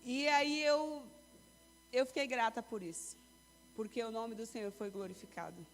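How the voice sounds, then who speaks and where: A woman giving a testimony in a church service, telling her story in a lively way and acting out the voices of the people she quotes. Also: fairly high pitch, moderate pace. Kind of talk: sermon testimony. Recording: long reverb with faint music.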